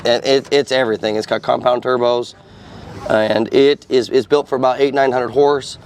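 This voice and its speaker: Male truck builder, smoker's rasp, hoarse, mid pitch, casual spec rundown outdoors with faint noise. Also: fairly even intonation, moderate pace. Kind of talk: casual technical walk-through.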